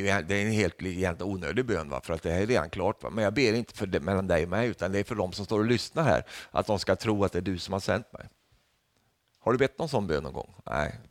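A man delivers a lively sermon with widely swinging pitch, joking with the congregation and sprinkling his lines with questioning tags. When he quotes Jesus, he rises to loud calls. The sound is close and dry, with no room echo.

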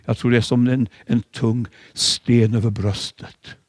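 A man's voice: mid-range voice, flat delivery, darkish tone, no room sound, studio quality. A man preaching a sermon, dramatic and emphatic, sometimes stumbling over repeated words. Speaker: pastor.

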